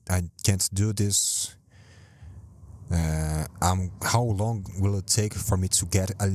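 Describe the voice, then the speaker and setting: A man hosts a solo podcast from a home setup, speaking close to a home mic that is sometimes too close. His voice is on the low side and a little mellow, with no room sound, and he rambles, puts himself down, swears often and repeats himself.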